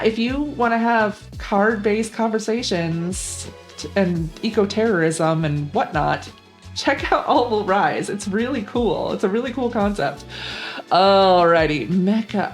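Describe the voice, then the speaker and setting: A young woman hosting a gaming channel, chatting casually and rambling with lots of fillers about games she likes. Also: mid-range voice. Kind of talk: casual gaming vlog commentary.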